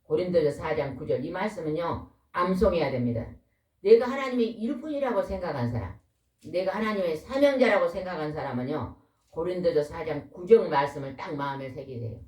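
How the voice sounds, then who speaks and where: Woman, folksy sermon, lowish voice, roomy church echo. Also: brisk. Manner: lively, folksy, asks the congregation questions. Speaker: pastor's wife preaching. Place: church hall. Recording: echoey hall, voice from far off.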